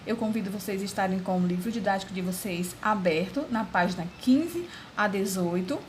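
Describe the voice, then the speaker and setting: A woman teacher with a Brazilian Portuguese accent gives a video lesson to children, speaking slowly and spelling out syllables one by one. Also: medium pitch, a little hiss or hum. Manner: slow, deliberate, spells out syllables; religious blessing, addresses class warmly as "turminha".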